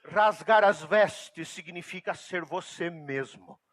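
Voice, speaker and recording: A male pastor preaches a sermon emphatically, swinging between hushed, slow passages and loud, high-pitched outbursts.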